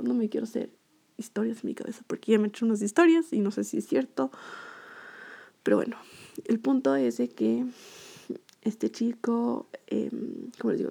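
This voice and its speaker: A woman's voice: medium pitch, creaky, mellow. A young woman telling a personal story to her viewers in a casual, rambling way, full of fillers. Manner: chatty, rambling, lots of fillers. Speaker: vlogger.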